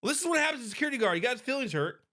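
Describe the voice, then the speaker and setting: Animated bright-voiced woman podcast host. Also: sits high, very fast. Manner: animated and emphatic, with frequent restarts and laughs. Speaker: podcast host and private security expert. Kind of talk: casual commentary on a video clip.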